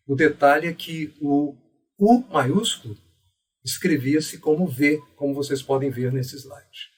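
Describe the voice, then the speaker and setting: A Brazilian man with a Brazilian Portuguese accent teaches in a slightly raised, husky voice. He explains step by step, slowing down to sound out example words. He sits a little back from the mic. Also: fairly high pitch, far from the mic. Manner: methodical, explains step by step and pronounces examples slowly. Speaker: educator explaining Latin pronunciation. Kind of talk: didactic video lesson.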